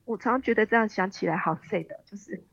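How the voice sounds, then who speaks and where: A woman with a Taiwanese accent, a special education professor appearing as an expert guest in a radio interview, talks fast in a mid-range voice with a breathy edge. The audio is dull, and she explains things conversationally and empathetically, dropping in the odd English word.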